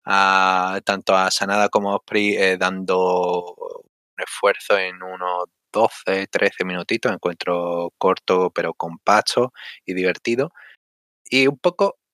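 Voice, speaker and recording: A man co-hosting a casual sports discussion, thinking aloud in a halting way and often adding little tag questions. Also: low voice, fairly even intonation, pushed and bright, dry recording. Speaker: wrestling podcast host.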